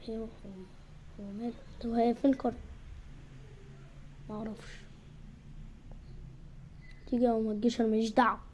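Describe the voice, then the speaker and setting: A woman's voice: a little high, little pitch movement, normal speed, pauses often, a little mellow, a little hiss or hum. A young woman with an Egyptian Arabic accent, playfully acting out bickering characters in a game and switching between voices. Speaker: gamer.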